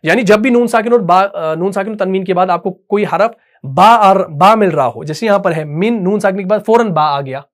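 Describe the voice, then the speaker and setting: A man teaching Quran recitation. He talks patiently and repeats himself, slows down to dictate terms, and keeps asking whether the point is clear. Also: high-pitched. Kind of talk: dictated classroom lesson.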